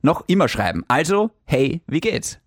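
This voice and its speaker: Animated Austrian man, lively chat. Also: a little high, normal speed, no echo, clean studio sound. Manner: animated, laughs often, reads messages aloud. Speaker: podcast co-host. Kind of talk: casual chat.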